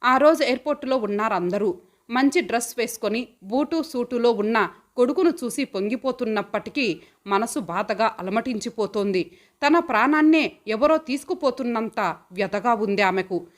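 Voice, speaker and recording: A woman narrating an audiobook story. Her delivery is steady and expressive, and her voice sits slightly high. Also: normal speed.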